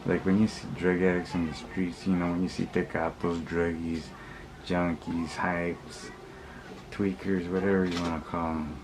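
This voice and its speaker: You can clearly hear background ambience around this man, a vlogger whose low voice never leaves its monotone. He gives viewers a casual opinion monologue in blunt street slang, halting as he goes, rambling, repeating points and frequently doubling back.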